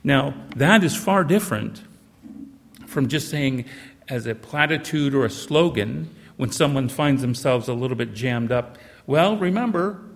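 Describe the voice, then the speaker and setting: A Canadian-born man preaching a sermon in a church, earnest and measured, slowing down to stress key phrases. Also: on the high side, creaky. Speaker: pastor. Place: church sanctuary. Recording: reverberant church hall.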